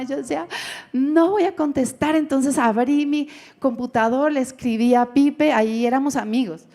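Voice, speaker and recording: A woman's voice: fairly high pitch, darkish tone. A woman pastor telling her testimony in a sermon, acting out her past words as she tells the story.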